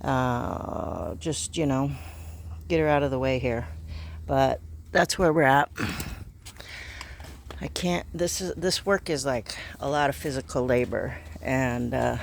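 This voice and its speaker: A man narrating a casual vlog outdoors in a garden, thinking aloud in a halting way. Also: mid-range voice, gravelly. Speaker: gardening vlogger. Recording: outdoor ambient noise.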